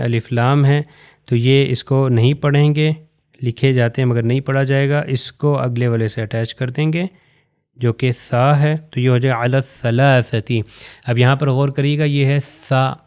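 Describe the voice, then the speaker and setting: A man from Pakistan, teaching Quran recitation patiently and step by step, pointing to written examples and slowing down to recite phrases carefully. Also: mid-range voice, darkish tone, smooth. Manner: slows down to recite Arabic phrases with care. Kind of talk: recorded lesson explaining to learners.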